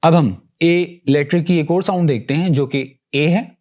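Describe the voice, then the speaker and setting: A man teaching English pronunciation, explaining rules and slowly sounding out example words one by one, switching between Hindi-Urdu and English. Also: fairly high pitch, highs cut off. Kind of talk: recorded lesson.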